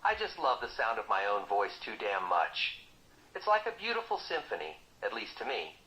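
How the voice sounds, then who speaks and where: A man's voice: fairly low pitch, big pitch swings, moderate pace, pushed and bright, poor audio. Deadpool, a man doing a cocky motor-mouthed mercenary. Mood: playful. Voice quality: cocky, teasing, sarcastic. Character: boastful wisecracking male mercenary, motor-mouthed. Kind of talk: comic banter dialogue.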